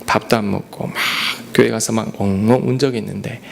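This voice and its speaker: A male pastor delivering a sermon earnestly, swinging from loud rises to soft whispered asides. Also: lowish voice, steady tone, a little fast, vocal fry.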